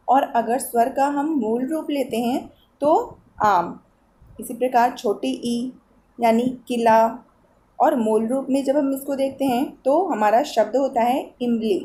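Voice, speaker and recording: A woman's voice: high-pitched, warm tone, slight background noise. A woman teacher explaining a Hindi grammar lesson to children, patiently asking questions as she goes. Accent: Eastern Uttar Pradesh Hindi. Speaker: school teacher.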